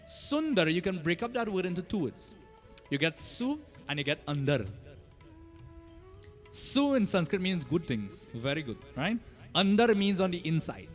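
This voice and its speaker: High-pitched Trinidadian man preaching. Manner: animated storytelling with rhetorical questions and "eh?" tags. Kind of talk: conversational sermon to devotees.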